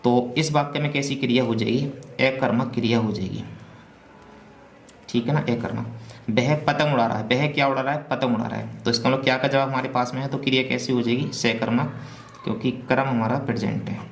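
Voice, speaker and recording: Male teacher, lecture delivery, quizzes himself out loud; roomy sound with light hum. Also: mid-range voice, steady tone, fairly quick, creaky. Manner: asks and answers his own questions. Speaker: Hindi grammar teacher. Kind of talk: revision class lecture. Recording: echoey room with faint hum.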